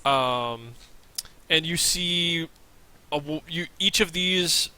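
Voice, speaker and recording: A man running a tabletop game as dungeon master, with a bright, forceful voice pitched a little high. He narrates haltingly, restarting phrases and breaking into laughter. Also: smooth.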